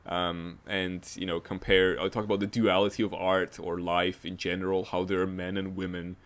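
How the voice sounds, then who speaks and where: A man's voice: deep voice, level tone, normal speed, fairly bright tone. A man giving a casual spoken game review, rambling with frequent restarts and a mildly exasperated tone.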